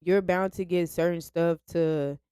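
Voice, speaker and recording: A woman's voice: fairly low pitch, steady tone, measured pace, dark tone, smooth, dry recording, clean studio sound. A young woman speaking candidly to her viewers in a confessional vlog, frank and direct. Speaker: vlogger. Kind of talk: candid personal vlog monologue.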